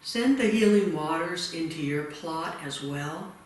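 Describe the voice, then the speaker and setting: A man guiding a meditation in a retreat room, giving slow, soft-spoken instructions. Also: a little high, expressive. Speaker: meditation leader. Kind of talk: guided meditation. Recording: echoey room, distant mic, faint hiss.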